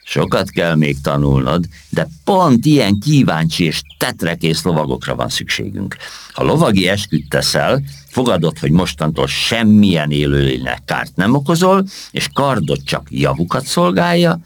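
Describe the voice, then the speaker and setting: A man doing a noble young beetle king, kindly and calm. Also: low voice, no room sound.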